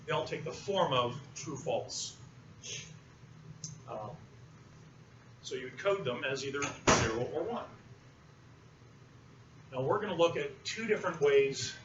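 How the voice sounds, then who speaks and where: A male university lecturer teaching a class in a relaxed, explanatory way, often pausing with fillers. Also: medium pitch. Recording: roomy, muffled, distant classroom recording with noise.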